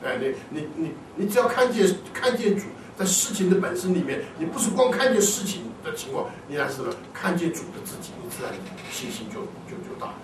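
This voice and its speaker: Casting note: male preacher with a high voice, animated sermon delivery, distant mic in a reverberant hall. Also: fairly quick, hardly any pauses, noisy background. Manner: animated, often asks the congregation questions and answers them himself.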